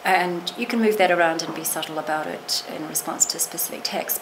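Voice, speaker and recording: A gravelly voice on the low side comes from a middle-aged woman, a literature professor being interviewed. She talks thoughtfully, qualifying herself through asides and restarts. The noisy room recording places her seated in a small lecture room.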